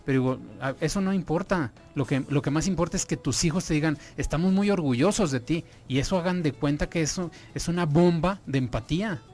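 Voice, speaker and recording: Male radio guest, earnest and questioning, slightly high pitch, light music behind. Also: fast, few pauses, a little mellow. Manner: earnest, asks many rhetorical questions. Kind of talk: explaining on a radio talk show. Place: radio studio.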